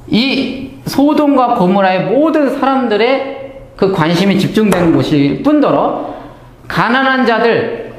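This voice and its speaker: A man teaches a Bible lesson in a high, sweeping voice. He keeps asking himself questions and answering them, and acts out the lines he quotes. The room is echoey. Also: slight background noise. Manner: animated, asks and answers his own questions, acts out quoted speech. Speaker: Bible lecturer. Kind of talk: Bible study lecture.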